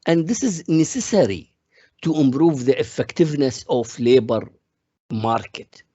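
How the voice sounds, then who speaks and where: A man's voice: medium pitch, animated, a little slow, dark tone, husky, dry recording, muffled recording. A man from Iraq, giving a classroom economics lecture and explaining each point step by step with examples. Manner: explains step by step through worked examples, calls on students.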